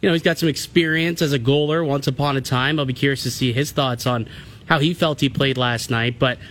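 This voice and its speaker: A man's voice: mid-range voice, fairly even intonation, a little fast, a bit bright, a little hiss or hum. A man with a mid-range voice gives casual sports analysis as a radio co-host. He is emphatic and likes to hammer points by repetition.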